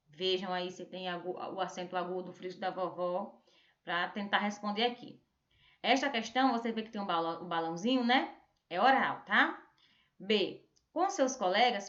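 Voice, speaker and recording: A Brazilian woman teaching a remote lesson, drawing out words slowly to show stressed syllables. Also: mid-range voice, fairly bright tone. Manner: slow, drawn-out word modelling with stressed syllables. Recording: echoey room, dull lo-fi sound.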